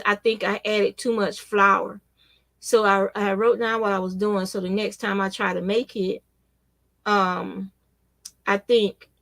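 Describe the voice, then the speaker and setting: Woman in her fifties with a gravelly, dry voice. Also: mid-range voice, a bit bright, no echo. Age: 50s. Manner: rambling, with frequent restarts and small laughs. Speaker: crochet vlogger. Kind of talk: casual reminiscing while crocheting.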